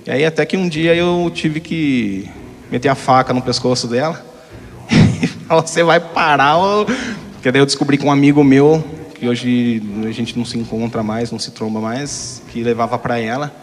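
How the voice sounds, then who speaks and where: A young man gives an honest, meandering personal testimony as a guest, often using tag questions. He speaks at normal speed in a mid-range voice with fairly even intonation. The sound has hall reverb.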